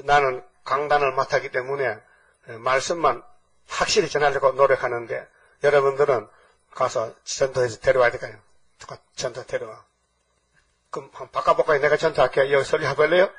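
An older man preaching, his voice husky and a bit breathy. He talks emphatically and keeps tossing short rhetorical questions at the congregation. He sounds a little far from the microphone. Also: mid-range voice, fairly even intonation, a little fast, fairly bright tone. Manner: emphatic, peppers talk with rhetorical checks to the congregation. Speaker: pastor. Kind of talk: sermon. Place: church sanctuary. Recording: voice from far off the mic.

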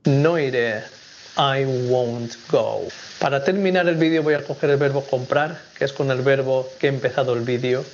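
A man from explaining English grammar in a recorded video lesson, saying his English examples slowly and clearly. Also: medium pitch, fairly even intonation, highs cut off, a little hiss or hum. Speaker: English teacher.

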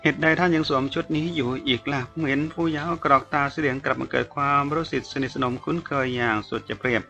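A man reads a translated novel aloud and breaks off into chatty asides to explain old words. His voice is bright and forceful. The recording is dull and lo-fi, with faint music underneath. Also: on the high side, gravelly. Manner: stops to explain terms chattily. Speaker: story reader.

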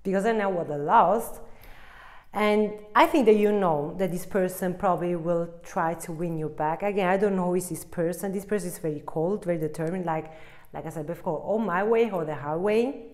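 A woman's voice: fairly low pitch, brisk, a little mellow. Woman, tarot reader, casual, rambling, searches for words, laughs at herself.

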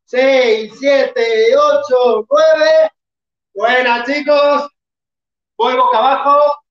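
Echoey lo-fi fitness instructor counting reps. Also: sits high. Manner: counts reps and urges the class on, sometimes shouting. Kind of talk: live online workout class. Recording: echoey room, far from mic, dull lo-fi.

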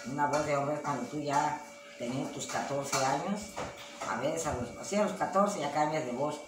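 A woman's voice: low voice, normal speed. Older woman, Mexican accent, chatty grandmother, rambling and affectionate, distant mic, echo, noisy background. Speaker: vlog host, grandmother. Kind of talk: casual home vlog chat. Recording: echoey, distant mic, clear background noise.

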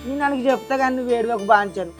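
A woman doing a village mother, Telangana accent, scolding and consoling, high pitch, soft music underneath. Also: racing, lightly acted. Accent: Telangana Telugu. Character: scolding village mother, soothing daughter and berating son.

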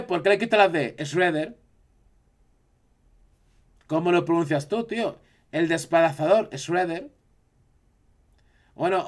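Man, Spanish accent, higher voice, casual live-stream chat, animated. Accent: Spanish from Spain. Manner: chatty, animated, reacting to chat.

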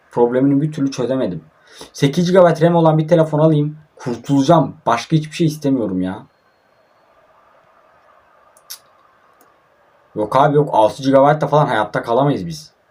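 A man's voice: medium pitch, a little mellow. A young man from Turkey giving casual, frustrated commentary while playing a mobile football game, grumbling and swearing often.

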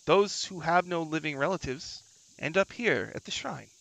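Solemn swamp shrine keeper, played by a male game master: gravelly, bright-edged, formal, guarded and reverent. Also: a little high, moderate pace, pitched above the performer's own voice, low-quality recording.

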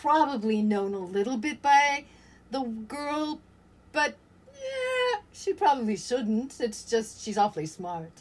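This older woman, an actor being interviewed by video call, reflects in a relaxed way, her voice on the high side, very animated yet slow. The room is indoors with a cloth backdrop, and faint background noise is audible on the call.

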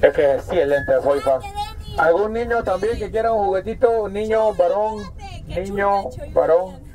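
A man's voice: sits high, unhurried, a little mellow, poor audio. A man with a Salvadoran accent joking with friends and calling out a toy giveaway from an open truck outdoors. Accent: Salvadoran Spanish. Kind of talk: casual joking banter and street calls.

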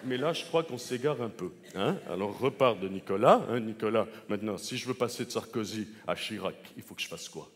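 On a large theatre stage, a man with a fairly low voice performs a comedy sketch, talking fairly fast with lively intonation and few pauses. He leaps between many celebrity impressions and snatches of song, captured with hall reverb and a live audience.

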